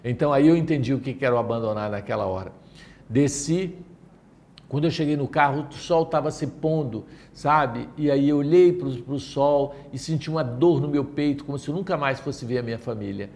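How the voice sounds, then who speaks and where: A man's voice: mid-range voice, fairly quick, vocal fry, darkish tone. A middle-aged man with a Brazilian accent, giving a spiritist talk as an emotional personal testimony, full of restarts. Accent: Brazilian Portuguese. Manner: emotional, vivid storytelling with many restarts. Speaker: lecturer at a spiritist center.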